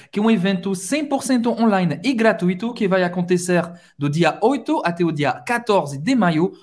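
A man who speaks with a French accent, a native French speaker hosting a podcast lesson and slowly repeating words for learners to drill. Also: sits high. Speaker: podcast host and French teacher.

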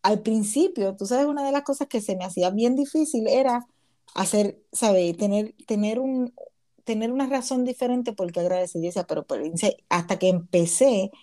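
A woman's voice: mid-range voice, moderate pace, warm tone. A woman hosting a casual talk about gratitude and faith, speaking earnestly with many restarts.

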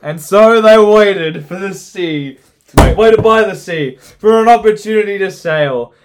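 A man's voice: sits high, a little slow. A man narrating a comedic history story as host, playful and teasing.

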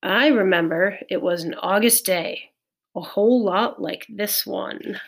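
A woman's voice: medium pitch, measured pace, creaky. A woman voicing an older male farmhand who tells the children stories and teases them. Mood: teasing, easy. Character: old male farmhand storyteller, teasing.

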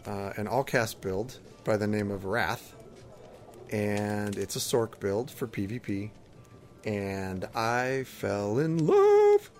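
A man's voice: fairly low pitch, sing-song, takes it slowly, darkish tone, soft background music. A man co-hosting a podcast, chatting casually and explaining things in a conversational way. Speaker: podcast co-host. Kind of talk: casual chat, recounting gaming. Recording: faint background ambient noise.

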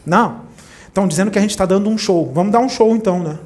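A man giving an informal spiritual talk. He retells film scenes in an animated way and keeps checking in with his listeners. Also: high voice, fast talker. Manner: animated storyteller, acts out quoted characters; conversational, checks in with listeners often. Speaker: spiritual speaker.

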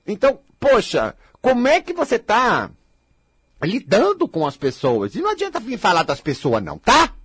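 A Brazilian man lectures with a sharply swinging, restless pitch that climbs high and dives low. His voice is husky and close, in a dry, dead room. He is blunt and provocative, scolding his audience like a tough-love coach. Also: wildly swooping pitch, a bit bright, no room sound. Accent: Brazilian Portuguese. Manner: mocks listeners' complaints in quick impressions. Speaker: self-help speaker.

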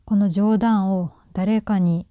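Shy Kansai woman, flat and mellow. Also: medium pitch, slow pace, no room sound, clean studio sound. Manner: shy, nervous, self-deprecating joking. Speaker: solo radio host. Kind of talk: casual solo radio talk. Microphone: talking alone into a microphone.

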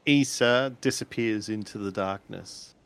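A man narrates a tabletop game as game master, feeling his way through descriptions with pauses and fillers. His voice is lowish and gravelly. He talks slowly. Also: no room sound. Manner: hesitant, descriptive, many fillers.

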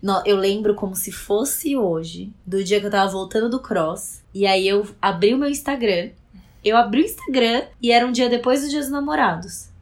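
A young adult woman with a Brazilian Portuguese accent, chatting casually and telling a personal story in a lively way, with some swearing. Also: medium pitch, moderate pace. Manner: animated storyteller, swears freely. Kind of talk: casual chat.

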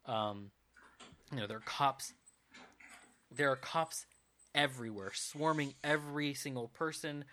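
A man running a tabletop role-playing game, narrating the scene in a loose, rambling way full of ums and uhs. His voice is bright and forward, in a middle pitch. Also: a little slow, pauses often, slight background noise. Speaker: game master.

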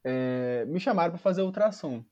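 A man's voice: on the high side, expressive, moderate pace, mellow, lo-fi sound. A man telling a funny personal story in casual, slangy chat, swearing freely and acting out the people in it. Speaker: podcast storyteller.

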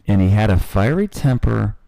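A man's voice: on the low side, expressive, moderate pace, creaky, dark tone, no room sound, poor audio. A man co-hosting a casual chat, a teasing, chatty storyteller. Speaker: podcast co-host and golf dad.

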